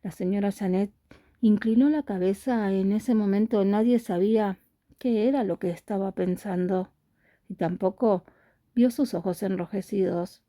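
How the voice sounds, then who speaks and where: A woman calmly narrating a romance novel aloud in a steady audiobook reading. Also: mid-range voice, no echo. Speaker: storyteller.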